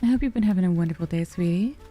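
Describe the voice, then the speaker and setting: A woman streamer chats casually with her viewers. Her voice is soft and cozy, on the low side, with a dark, relaxed tone like storybook reading. She addresses listeners affectionately with pet names. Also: rapid-fire, faint music behind. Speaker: livestreamer, VTuber. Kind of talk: casual livestream chat with viewers.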